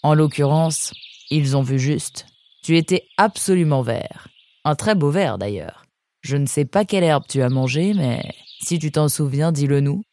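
A calm young fox girl who answers everything in a dry, matter-of-fact tone, as a woman voices her. Her voice sits low and mellow. She belongs to a gentle children's storybook. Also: measured pace, no room sound.

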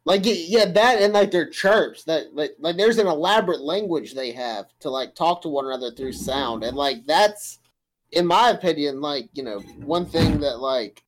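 Male co-host, a touch high, rambling filler-heavy chat. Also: lively intonation, moderate pace, rough recording. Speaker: podcast co-host. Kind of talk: casual chat.

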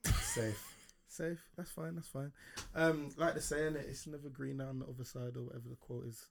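A man's voice: medium pitch, little pitch movement, normal speed, vocal fry, slight background noise. A man with an urban London roadman accent, chatting casually and teasing in street slang as a co-host. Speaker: co-host of a chat show. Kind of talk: casual banter.

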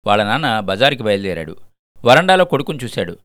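An older retired man from Andhra Pradesh reading a short story aloud in a measured, expressive way. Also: on the low side, dry recording, studio quality. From Andhra Pradesh, India. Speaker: story reader. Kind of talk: storytelling narration.

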